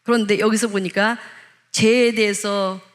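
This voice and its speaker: A woman's voice: mid-range voice, fairly even intonation, measured pace. A woman pastor delivering a sermon in a conversational way. She asks the congregation questions and acts out the lines she quotes. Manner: acts out quoted speech in changed voices.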